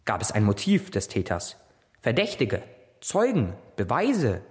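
Theatrical male storyteller, lively and slow. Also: mid-range voice, big-room sound. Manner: expressive, theatrical first-person telling. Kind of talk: scripted dramatic narration.

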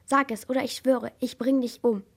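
A woman's voice: high-pitched, fairly even intonation, normal speed, husky. Woman reading enraged rig worker, words pressed out. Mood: furious. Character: furious male rig worker, vengeful.

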